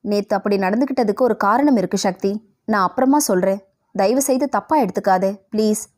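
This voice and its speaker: A woman's voice: medium pitch, fairly quick, darkish tone, natural voice. A woman voicing a playful young male college student in an audio novel, teasing at times and pleading at others.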